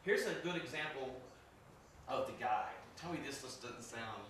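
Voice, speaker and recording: A filmmaker and ghost hunter gives a casual talk to a live audience in a medium-pitched voice with lively intonation at normal speed. He's chatty, laughs a lot, and repeats himself. The recording is distant and echoey, with background noise.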